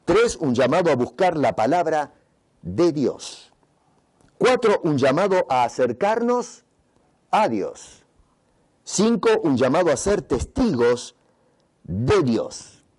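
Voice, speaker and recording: Animated preaching pastor, mellow voice. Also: male voice, fairly high pitch, slow, long pauses, husky. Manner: preaching with emphatic, rising and falling delivery; stumbles and restarts over words. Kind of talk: sermon.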